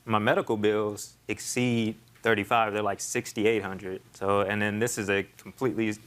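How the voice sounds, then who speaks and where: Male plaintiff giving testimony. Deferential, halting, keeps restarting as he explains his side. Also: fairly low pitch, flat delivery, a bit bright. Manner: deferential, formal address. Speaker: plaintiff in a small claims case. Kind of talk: courtroom testimony. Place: television courtroom.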